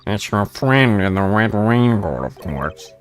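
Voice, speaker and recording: A man's voice: lowish voice, sing-song, slow, soft background music. A man doing a smug caller in a disguised voice. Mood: taunting. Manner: smug, mocking, sing-song. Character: taunting mystery caller with a disguised voice. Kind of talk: reading game dialogue aloud.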